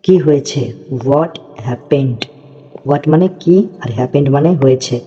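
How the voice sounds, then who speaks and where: A man teaching English phrases in a slow, patient lesson, repeating words and checking that his students follow. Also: on the high side, warm tone. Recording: dull lo-fi audio with long reverb.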